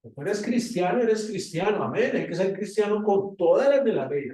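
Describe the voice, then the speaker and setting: A man's voice: high voice, big pitch swings, normal speed, darkish tone. A male pastor preaching a sermon, questioning his congregation as he teaches. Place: church hall. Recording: echoey hall from far off.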